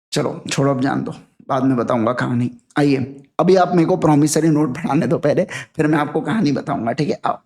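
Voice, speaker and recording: A man's voice: on the high side, moderate pace, darkish tone. A man teaching law in a live online lecture on a podcast mic, chatty and jokey, often asking students to repeat answers.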